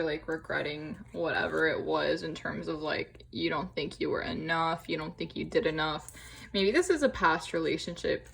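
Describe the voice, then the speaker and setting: A woman's voice: deep voice, creaky, a little hiss or hum, low-quality recording. A young woman giving a casual tarot reading to camera, chatty and empathetic, with many fillers and small laughs. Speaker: tarot reader. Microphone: camera on tripod.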